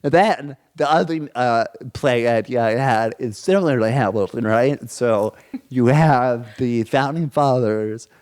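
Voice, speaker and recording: Rambling, excitable male podcast co-host. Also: medium pitch, unhurried. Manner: rambling, excitable, lots of restarts. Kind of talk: casual chat.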